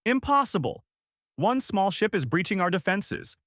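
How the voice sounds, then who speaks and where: A man's voice: a little high, expressive, moderate pace, no echo, clean studio sound, voice pushed up. A man voicing a harsh male alien fleet commander with a grinding, metallic roar, barking orders. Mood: furious. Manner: commanding, shouting in disbelief.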